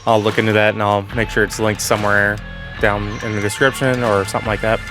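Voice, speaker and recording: A man's voice: lowish voice, level tone, fast, music in the background. Casual man with a fading voice. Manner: rambling, self-correcting, chatty. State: losing his voice, clearing throat. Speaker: gaming channel host. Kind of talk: casual game commentary.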